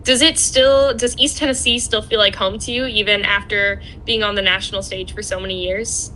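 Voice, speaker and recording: A woman's voice: medium pitch, steady tone, normal speed, bright, forceful tone, a little hiss or hum, poor audio. A woman interviewing a guest over a video call, asking short, friendly prompting questions. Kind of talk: casual virtual interview.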